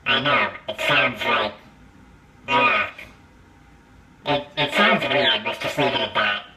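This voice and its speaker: A man talking through a handheld voice changer that morphs his voice with pitch shifting and modulation. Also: slow pace, background noise. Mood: warped, casual. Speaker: gear vlogger demonstrating a voice changer. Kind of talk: casual demo through a device.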